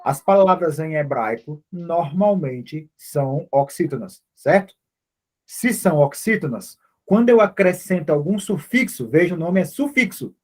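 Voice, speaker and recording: A man with a Brazilian Portuguese accent teaching an online language class in an informal, patient way, often checking that students follow. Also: on the high side. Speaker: Hebrew teacher.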